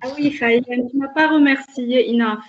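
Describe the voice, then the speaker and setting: A young woman with a high voice chats casually. The sound is dull and muffled, as over a video call. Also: fairly even intonation, normal speed. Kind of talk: casual chat.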